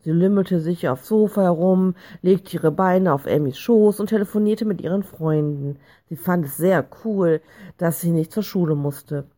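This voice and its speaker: A woman narrating a children's storybook in a calm, clear reading voice. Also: fairly low pitch, moderate pace. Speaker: audiobook reader.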